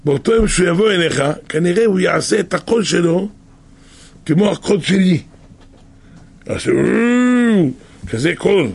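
A man voicing urgent, raspy Esau. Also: high-pitched, animated, pauses often, darkish tone, pitched above the performer's own voice, heavily acted. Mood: urgent warning. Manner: urgent, warning. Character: scheming young man Esau, fearing his brother's trickery.

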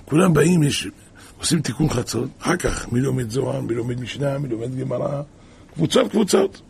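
A man preaching a sermon and telling stories in an animated way, full of rhetorical questions. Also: mid-range voice. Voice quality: gravelly and husky. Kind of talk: sermon with storytelling.

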